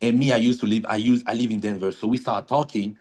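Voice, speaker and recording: Hesitant low-voiced man from Cameroon. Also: fairly even intonation, fast talker, a little mellow. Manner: hesitant, simple phrasing with fillers. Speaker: interview guest. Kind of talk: telling his story in an interview.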